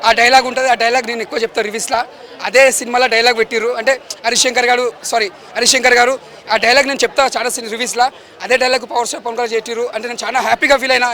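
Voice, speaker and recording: A man giving an excited street review of a film after a screening, talking fast and emphatically. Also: very high voice. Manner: fast, emphatic, repeats the star's full title. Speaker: moviegoer giving a public review. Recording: outdoor crowd noise behind.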